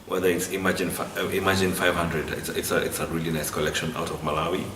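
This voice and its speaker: Male interviewee, Kenyan accent, low-pitched, halting conversational delivery; recorded off-mic with noticeable background noise. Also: flat delivery. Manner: halting, often repeats and restarts phrases. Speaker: interviewee, literary blogger. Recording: distant, echoey, noisy room.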